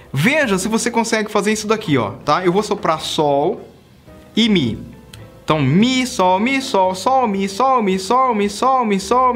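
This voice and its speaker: A saxophone teacher talks his viewers through technique in a loose, conversational lesson. His voice sits high for a man, and he keeps checking in with them as he goes. Soft music runs faintly underneath. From Brazil. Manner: chatty, checks in often with "tá?" and "cara". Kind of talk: casual video lesson.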